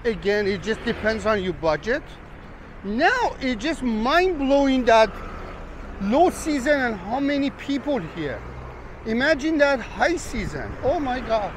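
Walking a rainy street, this man talks casually to his viewers, addressing them as "guys" and rambling on. He's a travel vlogger whose very high-pitched voice is very animated yet unhurried, with traffic noise in the background.

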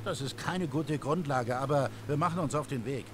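A man's voice: mid-range voice, normal speed. A man voicing a rescue cruiser crewman who answers over a marine radio call, terse and matter-of-fact. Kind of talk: scripted game dialogue. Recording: loud noise from a distance.

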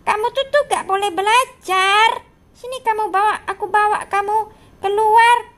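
Woman doing a grumpy strict teacher guy for a game roleplay, super high squeaky voice. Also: measured pace, a bit bright. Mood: scolding. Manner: scolding, bossy. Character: stern strict male schoolteacher. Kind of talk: game role-play voicing.

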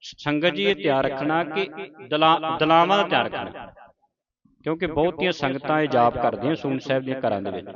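Man, Punjabi accent, recitation teacher, slow deliberate chanting, muffled lo-fi sound. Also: fairly high pitch, a crowd in the background. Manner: slow deliberate recitation, then corrective explanation. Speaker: scripture pronunciation teacher. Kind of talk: recitation lesson.

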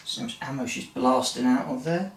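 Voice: mid-range voice, brisk, a little hiss or hum. A player talking through a solo tabletop wargame, muttering dice sums, humming and chatting to themselves. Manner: mutters dice sums, hums and talks to self. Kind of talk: casual play-by-play of dice rolls. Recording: roomy sound from a distant mic.

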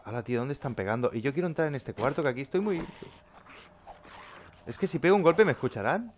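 A man talks through his gameplay in a lively, wide-ranging voice that leaps up when he gets scared. He curses and mutters to himself in a jumpy, nervous way. A faint hiss sits under the recording. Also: medium pitch, fast talker. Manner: jumpy, swearing, yelping when frightened. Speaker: gameplay commentator. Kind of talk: let's play commentary.

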